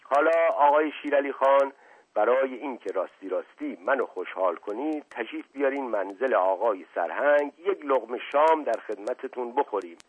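A man voicing a jovial, flattering prince who coaxes with effusive politeness. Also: mid-range voice, husky. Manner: fast, effusive, coaxing politeness. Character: jovial, flattering middle-aged male prince. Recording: tinny phone-like audio.

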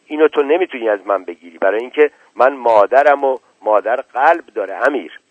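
A man's voice: medium pitch, no room sound, muffled recording, lightly acted. A man voicing a fierce scornful mother. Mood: defiant. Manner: scornful and cutting. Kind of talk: radio book reading.

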